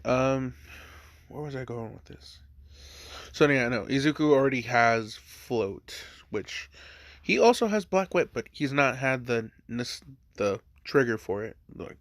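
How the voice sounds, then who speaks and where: A man's voice: mid-range voice, no room sound. Rambling man telling a fan story. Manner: rambling, lots of "like", swears, talks while eating. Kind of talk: casual fan-story narration.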